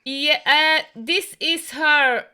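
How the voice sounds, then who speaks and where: A woman hosting a casual online conversation who speaks earnest, halting English full of spiritual talk. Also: high-pitched, sharp tone. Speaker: host. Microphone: online call.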